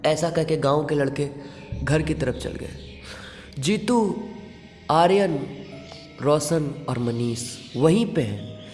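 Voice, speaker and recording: A man narrating a horror story in a conversational, dramatic way, going hushed at tense moments. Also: fairly high pitch, lively intonation, slow, pauses often. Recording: long reverb with background music.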